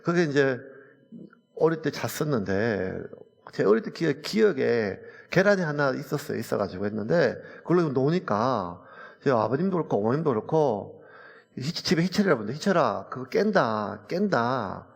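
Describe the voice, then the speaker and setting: Gravelly, husky pastor preaching in a church. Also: male voice, mid-range voice, big pitch swings, fairly quick. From South Korea. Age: late 40s. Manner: earnest, conversational preaching with personal anecdotes. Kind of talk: sermon. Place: church sanctuary. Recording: reverberant church hall.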